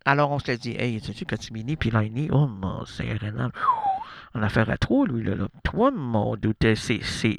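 Rambling Québécois radio host, bright voice. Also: male voice, medium pitch, no echo, clean studio sound. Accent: Québécois French. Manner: rambling, playful wordplay with many hesitations. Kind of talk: absurdist radio monologue. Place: radio studio.

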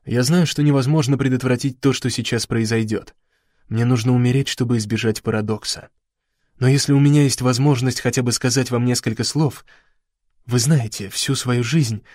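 A defiant male professor in a storybook reading, voiced by a man, speaking in a mid-range voice that turns to shouting when he is cornered. The recording is close and completely dry. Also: mid-range voice, fairly even intonation, moderate pace, no room sound, natural voice. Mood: solemn. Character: male professor facing his own death, defiant.

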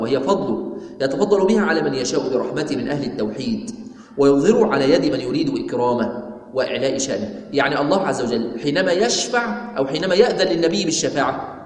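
Fast-talking Egyptian sheikh in an echoey hall. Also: male voice, a little high, a little mellow. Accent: Egyptian Arabic. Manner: asks rhetorical questions and answers them himself; repeats points for emphasis. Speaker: sheikh teaching a creed text. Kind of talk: religious lesson, reading and explaining a text. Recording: echoey hall with long reverb.

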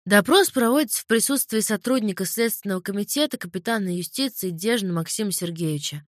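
A woman's voice: mid-range voice, expressive, quick pace, no room sound, studio quality, close to an everyday voice. A woman voicing a bored male police major who drones through official formalities. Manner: droning, official, weary.

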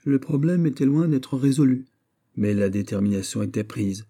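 Man reading an old sea story aloud, calm and steady, really dark tone. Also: mid-range voice, moderate pace, slightly rough. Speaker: reader. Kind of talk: scripted narration.

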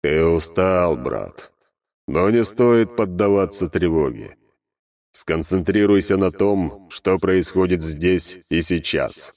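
A man reading an audiobook, voicing the calm, wise inner voice of a codex in a slow, soothing, measured manner. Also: sits low, no echo, clean studio sound, pitched above the performer's own voice. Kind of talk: audiobook character voice.

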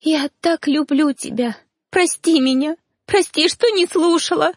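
A woman voicing a distraught young woman's ghost who cries out in high, tearful, pleading shouts. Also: normal speed, breathy edge, no room sound. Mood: sobbing, pleading.

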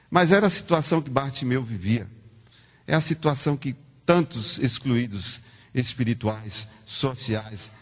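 Husky male preacher, lively pitch, in a reverberant church hall. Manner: animated, calls the congregation to repeat words. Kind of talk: sermon.

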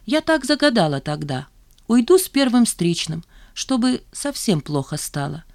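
A woman reading an audiobook, voicing a proud, sharp-tongued young woman. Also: on the high side, sing-song, moderate pace, dry recording, studio quality, pitched above the performer's own voice. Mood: bitter, haughty. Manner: haughty, cutting retorts.

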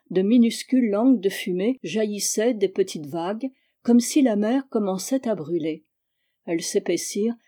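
A woman reading a novel aloud in a measured, descriptive narration. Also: mid-range voice, dark tone. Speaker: audiobook reader. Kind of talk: literary narration.

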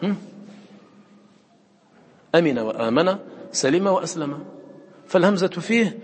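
A man's voice: fairly high pitch, animated, measured pace, in a large hall, slight background noise. A man teaching a class on recitation, repeating words aloud and quizzing his students with questions.

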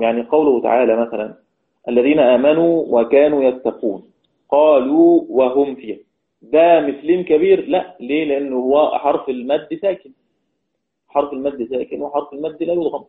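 A man with an Egyptian accent teaching a Quran recitation lesson, explaining step by step and putting questions to his students. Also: mid-range voice. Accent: Egyptian Arabic. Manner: chants verse lines slowly. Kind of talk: recorded online lesson. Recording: tinny phone-like line.

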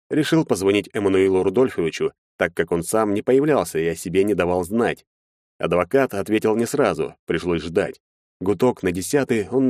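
A man narrating a first-person audiobook in an expressive manner, changing his voice for each character. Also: sits low, dry recording, clean studio sound.

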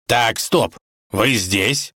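A man's voice: on the low side, very slow, creaky, bright, forceful tone, no room sound, studio quality, exaggerated voice. A man reading a fairy tale aloud and voicing a fussy, bossy old tsar. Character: fussy older male tsar, bossy but kindly.

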